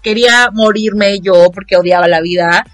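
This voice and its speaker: A young woman with a Mexican Spanish accent, telling a casual vlog story in an expressive, dramatic way and mocking the people she quotes. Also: medium pitch, normal speed, faint music behind. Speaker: vlogger.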